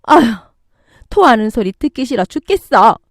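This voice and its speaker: A woman voicing a harsh, scornful older mother-in-law who scolds loudly and with contempt in a story radio reading. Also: fairly high pitch, sing-song, normal speed, no echo, clean studio sound, pitched above the performer's own voice. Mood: scornful scolding.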